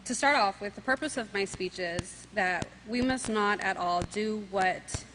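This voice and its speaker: A woman's voice: mid-range voice, a little slow, a bit bright, slight background noise, poor audio. A woman addressing a church congregation formally as she opens her speech. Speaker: congregation speaker. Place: church hall.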